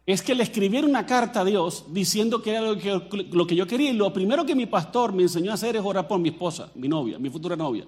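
Colombian pastor guy preaching, pretty high voice, jokey and animated, talks right at the crowd. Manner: animated and joking, addresses the crowd directly. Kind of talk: sermon to a congregation.

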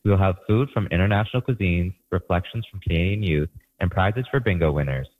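Guy leaving a voicemail invite, deep voice, sounds like a phone recording, reads it out steady. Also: a little fast, no room sound. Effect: heard over a phone line. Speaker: caller inviting listeners to a community event. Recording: tinny phone-line voicemail.

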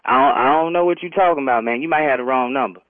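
A man's voice: medium pitch, very fast, no room sound. A man in a heated, confrontational phone conversation, talking in informal street slang over a telephone. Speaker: prank call recipient. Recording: narrow, tinny phone line.

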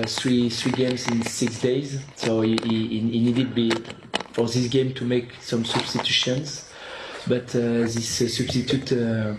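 A man working as a live interpreter, relaying a football coach's words at a press conference in a halting way, with many filler sounds. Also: mid-range voice. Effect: live interpreter voice, relaying a coach's words in English. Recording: echoey room with clear background noise and clicks.

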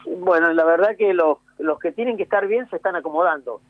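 Speaking from his home beside a grill, this guest chats informally over the phone in Argentine Spanish-accented speech, often repeating himself. He has a high-pitched, brisk voice with a fairly bright tone, and there's no echo.

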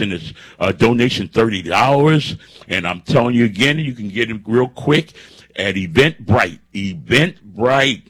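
A gospel musician visiting a radio studio, emphatically promoting a concert and repeating "I'm telling you" to drive each point home. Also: male voice, medium pitch, husky.

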